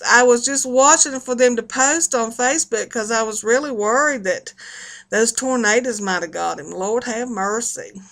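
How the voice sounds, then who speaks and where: A woman's voice: a little high, fairly bright tone. A middle-aged woman with a folksy Appalachian accent, chatting casually and rambling along to her online viewers. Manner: folksy, chatty, laughs often. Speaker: video blogger.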